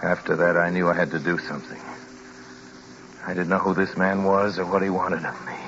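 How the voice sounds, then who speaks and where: An actor playing a haunted, anxious American motorist, intense and dramatic, in old-time radio drama style. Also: male voice, sits low, flat delivery, background noise. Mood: grim, shaken. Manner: intense, dramatic, halting when addressing others. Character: haunted, anxious male motorist telling his story. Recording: muffled vintage radio recording, loud music.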